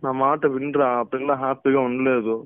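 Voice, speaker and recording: Guy on a phone call talking his friend down, quick and urgent, tinny line. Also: medium pitch, fairly even intonation, clean tone, dry recording. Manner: coaxing, reasoning, urgent. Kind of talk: heated phone argument.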